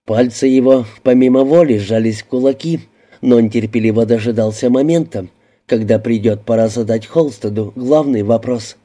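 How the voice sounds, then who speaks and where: A male audiobook narrator with a dark, mellow timbre at a middle pitch. He reads the story in a measured, even way. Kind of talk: scripted narration of a crime novel.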